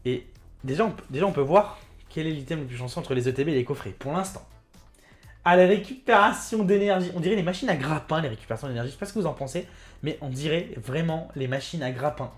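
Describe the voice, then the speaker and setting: A man hosting his own card-opening video, chatting excitedly and talking straight to his viewers. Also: fairly high pitch, quick pace, soft background music. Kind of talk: casual card unboxing commentary.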